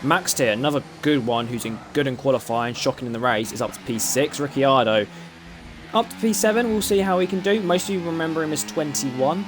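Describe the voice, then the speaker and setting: A man's voice: medium pitch, fairly quick, over music. Essex man calling sim racing qualifying. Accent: Essex English. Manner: chatty, stumbles over driver names and corrects himself. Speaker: league race commentator. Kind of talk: live sim racing commentary.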